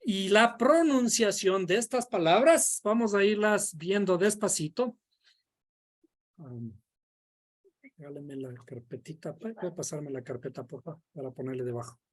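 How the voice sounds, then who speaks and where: In an indoor classroom, a woman teaches a Bible study class, explaining things step by step and quizzing her students as she lectures. Her lowish voice is animated, though her delivery is slow and deliberate.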